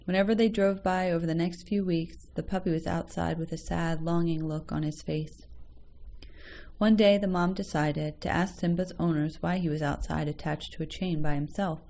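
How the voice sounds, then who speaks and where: A woman reading a children's story aloud in a gentle, measured way. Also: lowish voice, fairly even intonation, slight background noise. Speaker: story reader.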